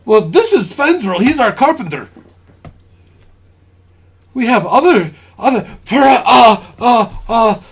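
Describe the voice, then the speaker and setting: A man's voice: extremely high pitch, very animated, slow pace, pauses often, slightly rough, pitched above the performer's own voice, exaggerated voice. A man voicing a fussy male ship captain who stammers and pleads, in a live tabletop game. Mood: flustered.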